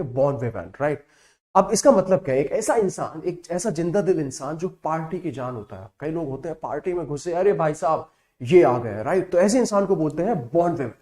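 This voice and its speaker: A man teaching vocabulary in a slightly high, mellow voice. He explains slowly and keeps asking "right?" and "correct?" to check that his students follow. The sound comes from an echoey room. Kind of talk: Hindi-English online lesson.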